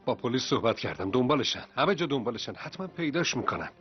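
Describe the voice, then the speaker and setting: Brief: an actor as an apologetic young man, mid voice with lively pitch, dull lo-fi sound with music. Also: natural voice. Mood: placating. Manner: placating. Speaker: son of the household. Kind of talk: dubbed TV drama.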